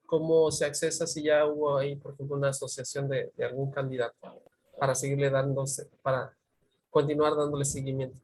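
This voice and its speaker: A man's voice: medium pitch, level tone, fairly quick, darkish tone. A man from an evaluation center asking questions in an online meeting, hesitant and polite, often restarting his sentences.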